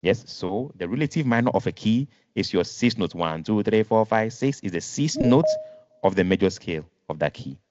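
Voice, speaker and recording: A man's voice: fairly low pitch, lively intonation, normal speed, darkish tone, dry recording. A man teaching a music lesson online, patient, repeating and rephrasing, counting notes aloud. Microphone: video call. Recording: dull lo-fi video call audio.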